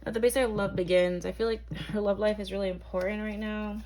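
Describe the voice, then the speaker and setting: A woman's voice: medium pitch, fairly even intonation, a little fast, background noise. A young woman from Barbados, reading tarot cards to camera in a chatty, hesitant way full of ums and likes. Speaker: tarot reader.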